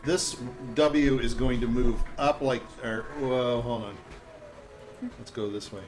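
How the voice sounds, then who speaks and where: A man's voice: mid-range voice, steady tone, takes it slowly, faint music behind. A man working as game master, narrating a tabletop game in a casual, conversational way. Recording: loud background noise, room ambience.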